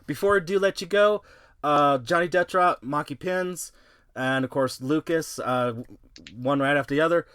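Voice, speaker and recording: Higher-pitched male podcast host. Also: normal speed, a bit bright, clean tone, no room sound, clean studio sound. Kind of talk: casual podcast chat.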